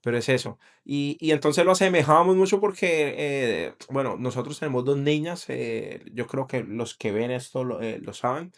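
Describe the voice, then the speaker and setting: Man, middle-aged, earnest, thinks aloud, casual faith podcast chat, mid-pitched. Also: moderate pace, few pauses. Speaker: podcast co-host.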